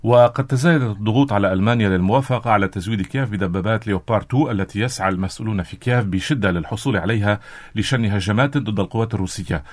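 A man anchoring a radio news bulletin in a brisk, steady newsreader delivery. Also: fairly low pitch. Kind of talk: formal radio news reading.

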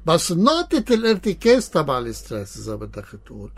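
A man's voice: fairly high pitch, wildly swooping pitch, fast. A man with a Lebanese accent, a psychologist guest on a radio show, explaining in plain terms and tossing in rhetorical questions. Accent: Lebanese Arabic. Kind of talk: radio interview.

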